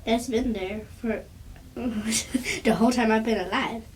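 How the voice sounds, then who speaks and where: Woman, podcast co-host, relaxed, sitting back from the mic, faint hiss. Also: a little high, takes it slowly. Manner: relaxed, laughing, short replies. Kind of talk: casual chat. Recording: distant from the mic, faint noise.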